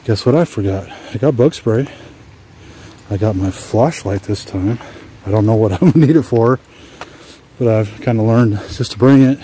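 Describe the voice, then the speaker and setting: A man from Washington State chatting casually as he walks along old railway tracks, rambling and relaxed with frequent fillers. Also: on the low side, normal speed, a little hiss or hum. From Washington State, USA. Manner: talks while walking outdoors. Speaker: adventure vlogger. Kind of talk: casual hiking vlog commentary. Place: outdoors on abandoned railway tracks.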